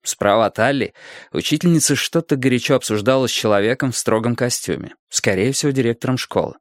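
A man's voice: medium pitch, fast talker, no room sound. Man narrating a storybook, dry close sound. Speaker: audiobook narrator. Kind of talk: scripted narration.

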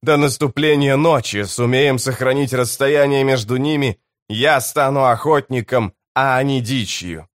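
A man voicing a blunt, fierce young male warrior who speaks in direct, forceful lines. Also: medium pitch, a little slow, hardly any pauses, no room sound, studio quality, natural voice.

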